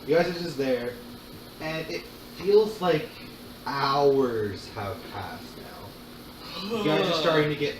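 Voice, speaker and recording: Slow-paced male game master, echoey room. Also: fairly high pitch, sing-song, over a noisy crowd. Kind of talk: improvised tabletop game narration. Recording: echoey room, far mic, noisy background.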